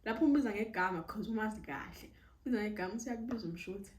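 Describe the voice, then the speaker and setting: A young South African woman with a South African accent, telling a casual storytime vlog, animated and code-switching as she acts out the dialogue. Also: mid-range voice, very fast. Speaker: YouTuber. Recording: roomy, slightly distant mic.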